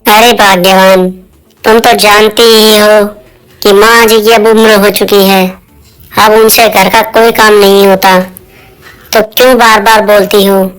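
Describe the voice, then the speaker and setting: A woman's voice: mid-range voice, flat delivery, a little slow, smooth, faint music behind, voice pushed down, close to an everyday voice. A woman voicing a hot-headed young husband in a cartoon moral story, scolding and indignant. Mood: pleading. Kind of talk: cartoon voice acting.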